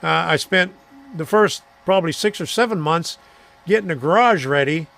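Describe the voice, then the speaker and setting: A man's voice: on the high side, normal speed, vocal fry, a bit bright. A middle-aged man hosting a live stream, chatting casually and answering viewer comments, rambling and chuckling between thoughts. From Florida.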